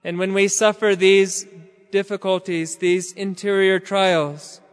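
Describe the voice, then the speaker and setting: A man preaching a sermon slowly and solemnly, sometimes half-chanting his phrases. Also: high voice, smooth, in a large hall.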